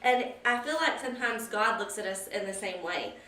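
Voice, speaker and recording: Woman, Bible study participant, bright voice, animated and chatty, echoey distant room. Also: mid-range voice, moderate pace. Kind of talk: casual discussion.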